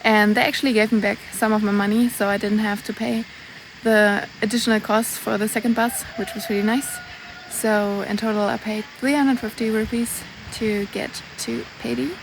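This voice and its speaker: A young woman talking casually to her camera while hiking a mountain trail outdoors, chatty and quick to laugh. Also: medium pitch, steady tone. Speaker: travel vlogger. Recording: outdoor noise behind voice.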